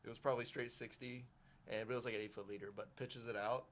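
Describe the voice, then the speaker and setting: A man with an American accent telling excitable fishing stories in casual chat. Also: medium pitch. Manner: fast, excitable storytelling. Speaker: fishing guide.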